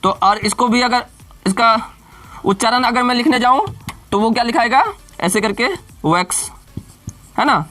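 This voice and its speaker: Male tutor, self-questioning style, slow letter-by-letter spelling for a grammar class. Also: very high voice, sharp tone. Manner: keeps posing questions and answering them himself. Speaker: teacher.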